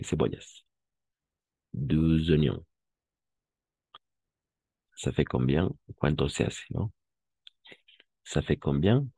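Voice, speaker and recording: Male French teacher, very deep, unhurried, patient corrections, dry close sound. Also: warm tone, slightly rough, no room sound. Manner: patient, repeats and corrects pronunciation, mixes in Spanish explanations. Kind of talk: language class instruction.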